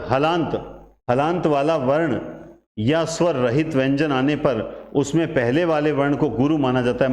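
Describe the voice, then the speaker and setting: A man teaching a lesson, working step by step through examples and asking questions, then answering them himself. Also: fairly high pitch. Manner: explains step by step, asks and answers own questions. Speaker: Hindi teacher. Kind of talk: classroom lecture. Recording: echoey room.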